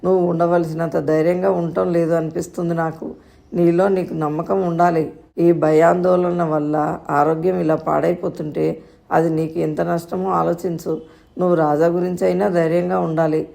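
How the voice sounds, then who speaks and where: A woman's voice: lowish voice, little pitch movement, moderate pace, vocal fry, warm tone. A woman reading the part of a frank, caring young woman comforting her friend in a storybook tale. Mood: earnest. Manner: earnest, reassuring.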